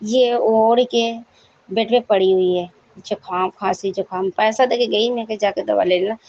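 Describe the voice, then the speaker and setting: A woman's voice: mid-range voice, steady tone, moderate pace, darkish tone, muffled recording. A woman giving a devotional testimony, telling her story to the congregation, often addressing them as sangat ji and stopping to apologize and correct herself.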